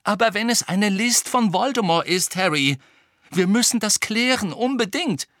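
A man's voice: sits high, animated, moderate pace, a bit bright, no room sound, clean studio sound, voice pushed up. A man reading an audiobook and voicing a clever, anxious teenage girl who pleads insistently. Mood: urgent pleading. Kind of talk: audiobook character voice.

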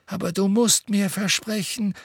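A man voicing an old, wise wizard headmaster in an audiobook, earnest and measured. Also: high-pitched, fairly even intonation, no room sound, studio quality, voice pushed up. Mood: insistent. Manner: earnest, measured, drops to a whisper. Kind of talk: audiobook reading.

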